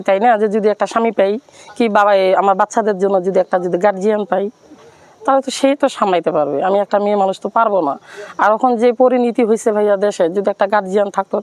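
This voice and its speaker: This Rangpur woman's plea to viewers comes in a racing, mid-range, slightly mellow voice with a Bangladeshi accent. She earnestly tells her life story, and the recording is dry.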